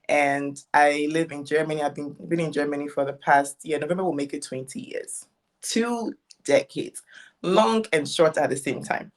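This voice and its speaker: A young woman from Ghana, a guest sharing her story in a casual interview, thoughtful and rambling. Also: sits low. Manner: reflective, rambling with restarts. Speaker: guest content creator.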